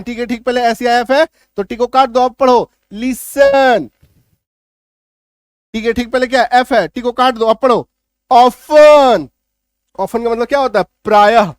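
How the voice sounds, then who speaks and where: Male teacher, high voice, dry close sound, drills each rule and checks understanding. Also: no echo. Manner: emphatic, repeats rules and asks "clear?". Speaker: English teacher. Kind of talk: classroom-style spelling lesson.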